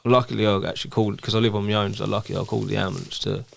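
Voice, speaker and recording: Halting, gravelly low-voiced man. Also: little pitch movement. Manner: hesitant, halting, many restarts. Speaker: guest. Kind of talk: candid personal talk.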